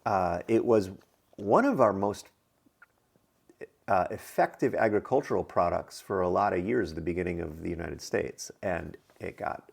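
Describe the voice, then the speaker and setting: A man's voice: deep voice, normal speed, creaky. A man co-hosting a podcast, chatting casually, rambling with lots of fillers and getting worked up when he rants. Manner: rambling, hedging with fillers, animated when ranting. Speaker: podcast co-host. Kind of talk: casual chat.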